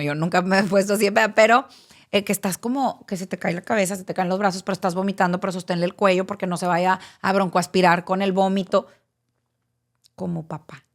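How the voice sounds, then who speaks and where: Candid Mexican woman, gravelly voice. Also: on the low side. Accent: Mexican Spanish. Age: late 30s. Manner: candid, addresses listener directly, casual swearing. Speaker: podcast guest. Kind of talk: personal testimony.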